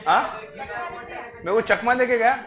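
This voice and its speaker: A man's voice: extremely high pitch, a little slow. A man lecturing a class on finance, joking and bantering with his students. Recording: noisy classroom crowd. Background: students chatting.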